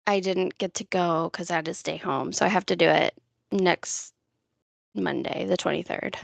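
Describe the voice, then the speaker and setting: A woman who is a parent, co-hosting a podcast in casual chat, relaxed and often trailing off with a laugh. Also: on the low side, moderate pace, creaky, no room sound. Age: adult, parent of a school child. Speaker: podcast co-host.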